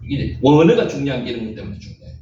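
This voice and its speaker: Bible lecturer, male, animated delivery, repeats points for emphasis, distant roomy recording. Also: medium pitch, rapid-fire, dull audio, a little hiss or hum. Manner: emphatic, repeats key words, quizzes listeners. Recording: very echoey room, mic far off.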